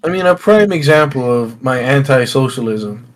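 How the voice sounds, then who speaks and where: A young man co-hosting a podcast, chatting casually with friends in loud, matey, sweary banter. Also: mid-range voice, animated, moderate pace. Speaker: podcast co-host. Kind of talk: casual chat among friends.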